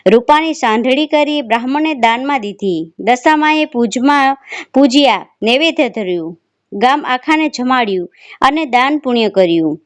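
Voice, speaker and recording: Woman storyteller, high voice, steady devotional narration. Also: moderate pace. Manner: steady storytelling with quoted speech.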